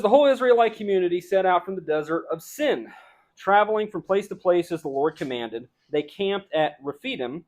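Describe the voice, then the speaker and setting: A man's voice: mid-range voice, a little mellow, rough recording. A man teaching a conversational Bible lesson, explaining the story casually and reading scripture passages aloud with rising emphasis.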